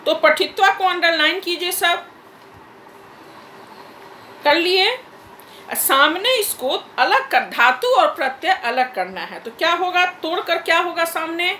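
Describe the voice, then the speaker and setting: A woman's voice: extremely high pitch, lively intonation, measured pace, pauses often, bright, forceful tone, roomy sound, slight background noise, rough recording. A woman teacher leading an online class over a video call, patiently repeating corrections and calling on students by name.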